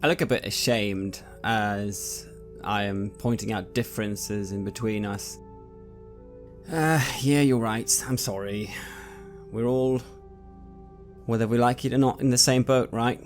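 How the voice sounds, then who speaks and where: Low-voiced male player, earnest, halting in-character talk, soft music bed. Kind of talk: in-character tabletop role-play. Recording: faint music behind.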